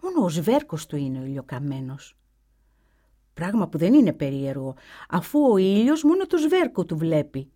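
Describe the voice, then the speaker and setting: A woman giving scripted textbook narration, reading a story in an expressive storytelling style. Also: fairly low pitch.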